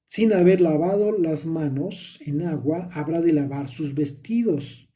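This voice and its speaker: A man's voice: fairly high pitch, mellow. A man teaching a Bible study, reading scripture aloud and explaining it, often restarting his phrases.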